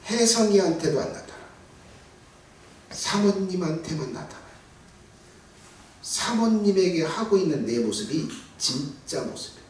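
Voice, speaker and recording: A middle-aged male pastor delivers a Sunday evening sermon in a church sanctuary, his slightly high voice swelling to near-shouts before dropping to hushed asides. The recording sounds distant, captured in an echoey hall.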